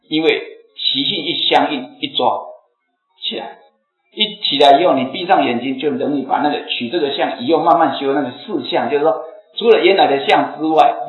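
Man, slightly hoarse, Buddhist teacher, explanatory dharma talk, faint music under, echoey hall. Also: a little high. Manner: explanatory, chants examples aloud. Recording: echoey phone-like lecture recording, faint music.

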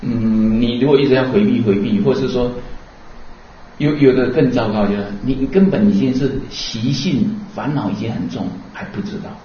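A man's voice: mid-range voice, normal speed, mellow, slight background noise. A man giving a Buddhist Dharma lecture, explaining earnestly and asking rhetorical questions along the way. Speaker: Buddhist teacher. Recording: distant, dull, roomy lecture recording.

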